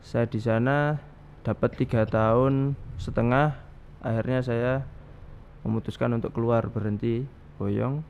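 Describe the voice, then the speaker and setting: A man's voice: medium pitch, fairly even intonation, a little slow, gravelly, long pauses. A man, a guest recounting his life at length, with many restarts and fillers. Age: 30s. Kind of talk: casual interview. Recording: dull, slightly noisy studio audio.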